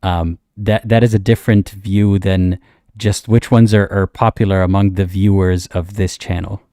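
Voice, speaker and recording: Low, mellow-voiced talk show host. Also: male voice, level tone, normal speed, dry recording, studio quality. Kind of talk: call-in show hosting.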